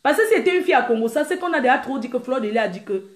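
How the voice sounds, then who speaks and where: A woman's voice: high voice, racing, reverberant. A woman hosting a casual live stream, brash and teasing, answering viewers and laughing often. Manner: animated, mimics crying sounds.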